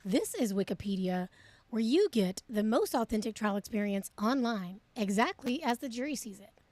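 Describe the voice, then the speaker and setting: A woman's voice: fairly high pitch, animated, moderate pace, darkish tone, no room sound. A woman hosting an online trial channel, giving a scripted introduction to the broadcast.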